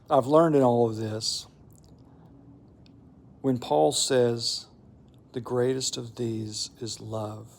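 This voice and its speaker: A middle-aged man telling a personal story with a devotional message, speaking in a measured way with deliberate pauses. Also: mid-range voice, creaky, darkish tone, slight background noise.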